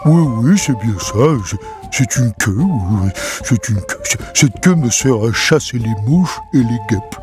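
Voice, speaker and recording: A man's voice: medium pitch, expressive, unhurried, lightly acted. A man voicing a big, clumsy male donkey who is touchy and loves bursting into silly songs. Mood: prickly. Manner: sing-song, bursts into silly songs and chuckles. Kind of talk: storybook acting over music. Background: music.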